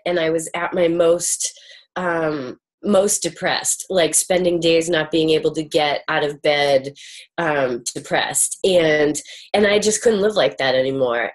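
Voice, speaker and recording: A woman host speaking casually and candidly about herself, in a confessional style with emphatic repetition. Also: lowish voice. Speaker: show host sharing her own journey.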